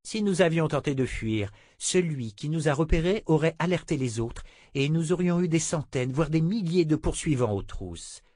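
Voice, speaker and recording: A man voicing a calm, ruthless woman who lectures her companion, in an audiobook reading. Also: fairly high pitch, normal speed, few pauses, no echo, studio quality, voice pushed up. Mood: coolly stern. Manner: calm, cutting, commanding.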